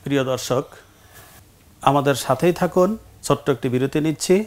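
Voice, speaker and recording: A man leads a televised Quran reading lesson at a classroom board. He speaks patiently at an ordinary pitch, drilling pronunciation and quizzing his students. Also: normal speed.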